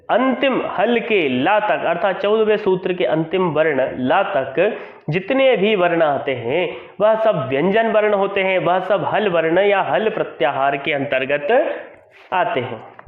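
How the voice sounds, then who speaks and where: High-pitched guy teaching grammar, keeps repeating terms, tinny echoey audio. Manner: explains step by step, repeating terms and asking questions then answering them. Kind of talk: classroom-style grammar lesson.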